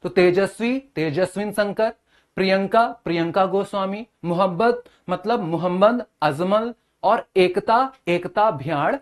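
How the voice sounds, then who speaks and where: A man's voice: sits high, a little slow. A young male teacher giving an exam-prep lecture, building memory tricks and checking in with short questions. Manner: mnemonic-heavy, keeps asking "है ना?" and "ठीक है?".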